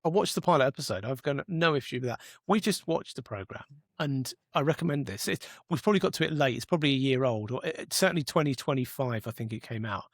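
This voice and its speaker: A man's voice: mid-range voice, lively intonation, quick pace, few pauses, no room sound, clean studio sound. A man co-hosting a podcast in casual chat, enthusiastic and often repeating words as he goes. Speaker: podcast co-host.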